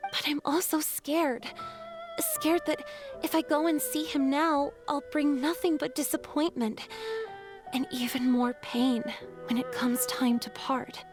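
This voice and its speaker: A gentle, wistful water spirit, speaking softly with a high, light voice and breathy hushed moments. Game dialogue over faint music. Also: female voice, lively intonation, unhurried. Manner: soft, hesitant, breathy at times.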